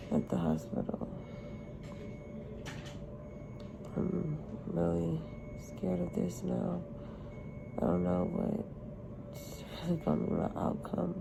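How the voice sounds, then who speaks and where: Weak, very gravelly woman in a hospital room. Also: on the low side, background noise. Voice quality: gravelly, creaky. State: weak, drowsy from medication after seizures. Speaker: vlogger. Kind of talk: personal vlog to camera.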